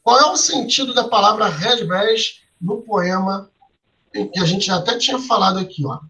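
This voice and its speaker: A man's voice: high-pitched, moderate pace, sharp tone, rough recording. A male teacher explaining a lesson step by step to a class, asking them questions and tagging his lines with "né?" and "tá?". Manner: tags lines with "né?" and "tá?".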